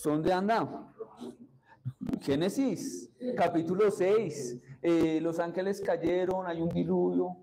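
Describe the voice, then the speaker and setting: A man preaches a sermon in a high-pitched voice. His tone is dark and mellow rather than bright. He keeps asking the congregation questions as he teaches. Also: slow pace, creaky, poor audio. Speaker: pastor.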